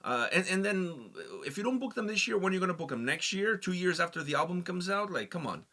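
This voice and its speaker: A young man co-hosting a music reaction show, chatting casually and ranting with animated, jokey energy. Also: sits high, fast. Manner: rambling, animated, jokey rants. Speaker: reaction channel co-host. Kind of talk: casual chat.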